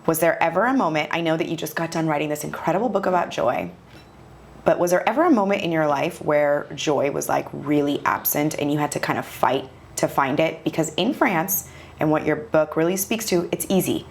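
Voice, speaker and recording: A woman's voice: deep voice, fairly quick, vocal fry. A woman in her forties hosting a podcast, asking casual, curious questions in a conversational interview. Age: 40s. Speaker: podcast host.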